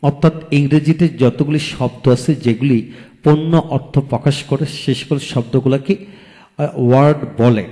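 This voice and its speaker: Male lecturer, mellow tone, drills vocabulary word by word in a reverberant room. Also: medium pitch. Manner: slow drilling, repeats each word twice. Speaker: English teacher. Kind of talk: video lecture.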